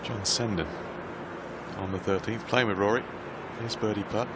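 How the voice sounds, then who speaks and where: A male golf commentator with a fairly low voice calls the play in short, wry, understated phrases. Heavy outdoor noise runs behind him, as on a live broadcast from the course. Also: steady tone, normal speed. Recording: noisy outdoor broadcast with background rumble.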